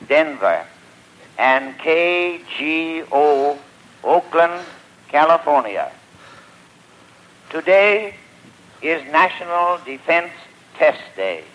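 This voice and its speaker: Give me a slow male announcer from an old 1924 broadcast recording. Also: fairly high pitch, a bit bright, poor audio. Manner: slow, measured, declamatory delivery. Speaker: radio announcer. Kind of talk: formal 1920s radio announcing.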